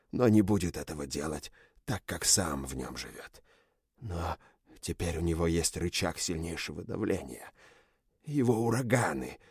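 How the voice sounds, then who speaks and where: Man doing a hoarse captive general, husky deep voice, dry close sound, pleading and menacing. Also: a little mellow, no room sound, full character voice. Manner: pleading, then coldly threatening. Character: wounded captive male general, desperate then menacing. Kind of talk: audiobook character reading.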